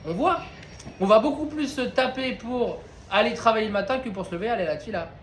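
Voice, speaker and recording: Speaking a little fast in a notably high voice, a man teaches an informal Torah class in a relaxed, conversational way, frequently asking his listeners questions. Behind him is a faint layer of ambient noise, and the study hall lends a roomy echo.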